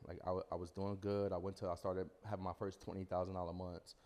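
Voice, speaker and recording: Speaking quickly in a low, level, slightly mellow voice, this Bronx-born entrepreneur recounts his story during a conversational podcast interview. He leans on emphasis, says things more than once, and keeps asking "you know what I'm saying." Echo fills the space like a hall.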